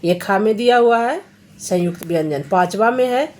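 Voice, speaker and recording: A woman's voice: medium pitch, moderate pace, a little mellow. A woman teacher going through Hindi grammar questions for students, reading each question and then patiently explaining the answer.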